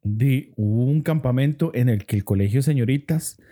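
A man's voice: medium pitch, normal speed, warm tone. A young Costa Rican man in a casual chat, telling a camp story with slang and sudden outbursts.

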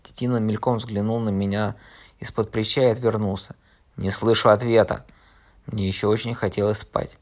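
Lower-voiced man reading an audiobook. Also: a little fast. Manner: steady first-person storytelling. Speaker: audiobook narrator.

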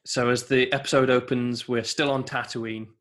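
A man's voice: medium pitch, flat delivery, normal speed, fairly bright tone. A man co-hosting a casual podcast, steadily recapping an episode's plot. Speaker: podcast co-host. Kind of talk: casual TV episode review chat.

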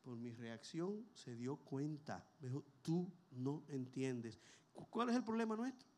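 A man's voice: on the high side, very animated, normal speed, a little mellow. A man preaches a sermon. He talks in a conversational, storytelling way, tossing rhetorical questions at the congregation.

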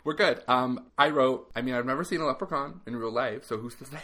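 A woman co-hosting a podcast, bantering casually in an animated, informal way. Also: a bass voice, fast, slight background noise. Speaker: podcast co-host.

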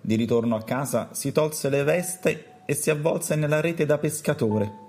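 A man narrating a children's story in a calm, storytelling way. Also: on the high side, a little slow, a little hiss or hum.

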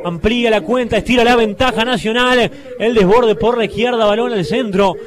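A man calls a football match live on the radio as an emphatic, excited play-by-play announcer. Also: very high voice. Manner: shouts drawn-out goal calls, emphatic. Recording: loud stadium crowd behind. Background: stadium crowd.

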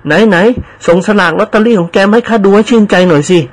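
A man voicing a gruff, teasing young gentleman who talks roughly to a servant. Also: high-pitched, a little fast, voice pushed up.

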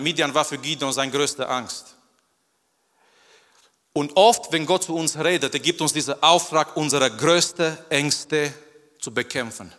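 A man preaching a sermon in an animated way, repeating phrases for emphasis and acting out the quotes. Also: a little high. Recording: long hall reverb.

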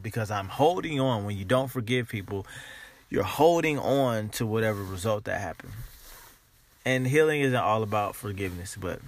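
A man's voice: mid-range voice, fairly bright tone. A man hosting a motivational podcast, talking informally and emphatically, repeating key phrases and stretching words to drive them home.

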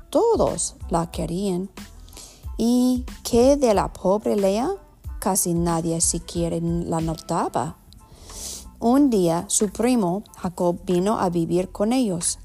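A woman with an American accent in Spanish, a native English speaker, reading a children's storybook aloud with halting, self-corrected phrasing. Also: medium pitch, warm tone. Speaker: storybook reader. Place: at home.

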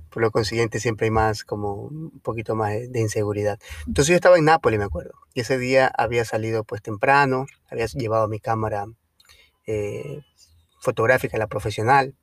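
Male podcast host, casual storyteller, mid-pitched voice, dry close sound. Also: normal speed, dry recording. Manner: chatty, lively, with frequent fillers and swearing.

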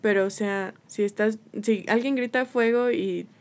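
A woman's voice: mid-range voice, fairly even intonation, measured pace, darkish tone. Hesitant woman podcast co-host. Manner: hesitant, unsure, many fillers. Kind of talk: casual chat.

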